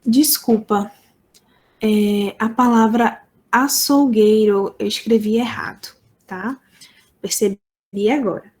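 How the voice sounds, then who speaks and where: Woman teacher, Brazilian Portuguese accent, unhurried, slightly high voice, patient step-by-step explaining. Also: steady tone, darkish tone. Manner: slow, deliberate explaining with frequent checks for understanding. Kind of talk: online lesson explaining sign language phonology.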